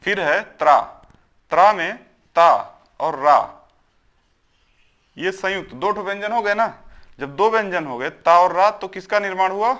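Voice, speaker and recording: A male teacher with a voice pitched a little above the usual for a man. He runs a classroom grammar lesson, answering his own questions and sounding out syllable after syllable. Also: measured pace, pauses often, fairly bright tone. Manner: asks questions and answers them himself, drills syllables aloud; repeats checks like "is it not?".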